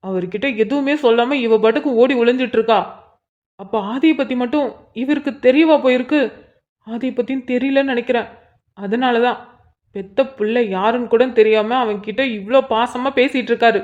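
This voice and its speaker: A woman's voice: a little high, moderate pace, a little mellow, lightly acted. A woman voicing a curious, probing young man in a storybook cartoon, often thinking aloud. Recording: dull lo-fi sound.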